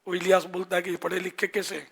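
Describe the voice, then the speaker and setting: An older man gives a religious talk in a Pakistani Urdu accent. His voice is fairly high and gravelly. He teaches in a conversational way and slows down to demonstrate phrases. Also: monotone. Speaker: religious scholar.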